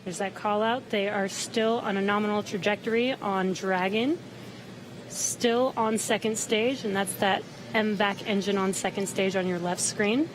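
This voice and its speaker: A woman gives live launch commentary as a webcast co-host. Her voice sits at a middle pitch, over faint background noise. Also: steady tone, a little slow.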